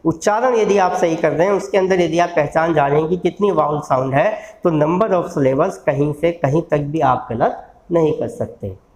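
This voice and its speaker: A man giving a recorded lecture, slowly stretching out word sounds and encouraging his students. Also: fairly high pitch, darkish tone. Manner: slow, drawn-out sounding of syllables, encouraging. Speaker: law college lecturer. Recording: echoey room.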